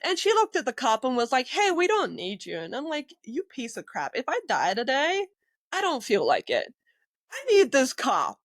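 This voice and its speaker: EMT woman guest, higher voice, bright storyteller, dry close sound. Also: normal speed, dry recording. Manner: lively, acts out quotes, laughs often. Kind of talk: casual storytelling in a podcast interview.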